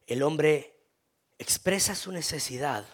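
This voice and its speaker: A man preaches a sermon in a slow, somewhat high voice. He repeats himself, restarts often, and keeps calling for amens.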